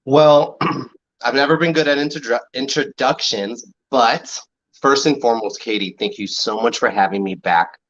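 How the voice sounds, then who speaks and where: A man, an actor, guesting on a live internet radio show over a video call, speaking graciously and thanking the host. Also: medium pitch. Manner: gracious, warm-mannered, calls host darling. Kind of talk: casual live-stream interview chat. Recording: dull lo-fi stream audio.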